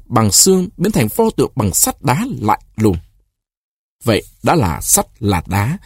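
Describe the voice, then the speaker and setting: A man narrating a short story in an expressive, deliberate reading. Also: medium pitch, breathy edge, dry recording, clean studio sound.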